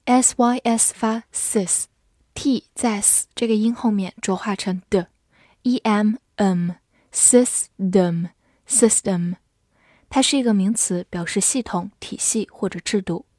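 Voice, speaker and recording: A woman teaching English vocabulary, spelling each word out and reading example sentences slowly. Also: medium pitch, darkish tone, no echo, clean studio sound. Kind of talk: vocabulary lesson.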